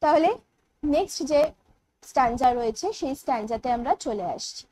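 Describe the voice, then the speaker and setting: A woman with a Bengali accent teaching an English poetry lesson online, explaining in Bengali mixed with English terms and reading the poem's lines slowly. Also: high-pitched, darkish tone, rough recording. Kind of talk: online exam-prep lecture.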